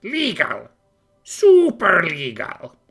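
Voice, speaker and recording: A curt little game kobold, raspy and wildly swooping in pitch. The shifty servant talks in short, broken bursts, taking its time between them. Music plays behind. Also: female voice, wildly swooping pitch, drawn-out words, fairly bright tone, exaggerated voice. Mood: defensive, curt. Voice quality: raspy, creaky. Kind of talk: fantasy video game character acting.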